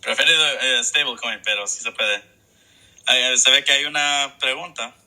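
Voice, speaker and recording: A man's voice: medium pitch, fairly even intonation, moderate pace, sharp tone, rough recording. A man appearing as a guest in a casual online chat, explaining things in a friendly way with many fillers. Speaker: guest co-host.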